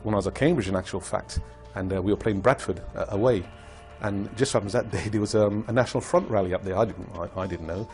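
An older former footballer speaks in a fairly low voice, calm and reflective as he recounts his playing years. Soft music plays faintly behind him in this documentary interview. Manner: reflective, measured storytelling.

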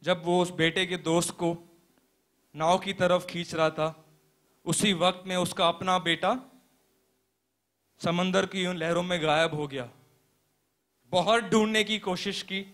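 A young man playing a pastor in a stage play, telling a parable as a sermon in a slow, earnest preaching manner with deliberate pauses. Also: high-pitched, fairly even intonation, a bit bright. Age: young adult.

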